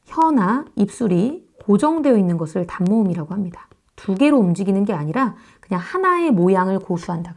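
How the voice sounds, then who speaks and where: Female lecturer, mellow tone, patient, demonstrates sounds aloud, talks straight to students. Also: mid-range voice. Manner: explains slowly, repeats sounds to demonstrate pronunciation; addresses students directly, checks understanding. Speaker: Korean grammar teacher. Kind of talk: online lecture.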